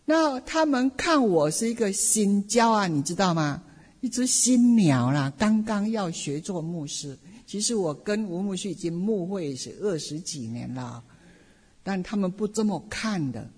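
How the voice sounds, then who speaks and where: A middle-aged woman pastor giving a personal testimony sermon, telling her story in an animated way with playful asides. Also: mid-range voice, unhurried, husky. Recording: long hall reverb.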